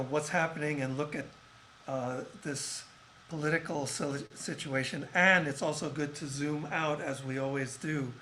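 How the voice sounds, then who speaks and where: A man's voice: fairly high pitch, fairly bright tone, a little hiss or hum. A man moderating an online panel, speaking hesitantly with fillers on a video call. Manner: slow, hesitant, with many fillers. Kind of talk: hosting a panel.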